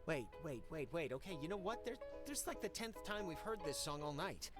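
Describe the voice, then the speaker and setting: Game role: anxious, hopeful teen boy, slightly high, animated, stumbling over words, music loud underneath. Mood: puzzled, urgent. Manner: halting, pleading, repeats himself. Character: anxious, hopeful teenage boy grieving his mother. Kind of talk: naturalistic video game dialogue.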